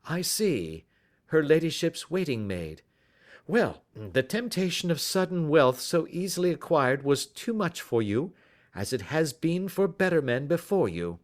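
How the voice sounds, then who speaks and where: A male reader plays a commanding gentleman detective in a mystery audiobook. His pitch is raised and very lively, with formal, precise phrasing and a coolly sardonic edge. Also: a little slow. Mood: cool, accusing. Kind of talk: audiobook character voice.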